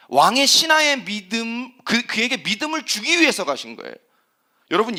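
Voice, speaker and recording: Animated, high-voiced male pastor preaching. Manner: animated preaching, asks the congregation questions, acts out quoted prayers. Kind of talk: sermon. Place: church sanctuary.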